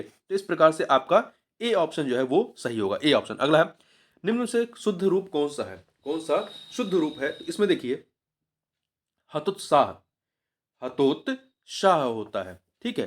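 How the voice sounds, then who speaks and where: A man with a slightly raised pitch teaches like an exam coach, working through a grammar test paper question by question. He talks patiently, repeating each answer and spelling words out syllable by syllable.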